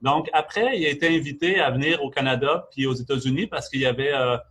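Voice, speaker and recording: A man with a Québécois French accent, speaking at a middle pitch as he opens a conference. He introduces the guest in an unhurried, halting manner, linking his thoughts loosely with "donc". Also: a bit bright, slightly rough. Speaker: event host introducing a speaker.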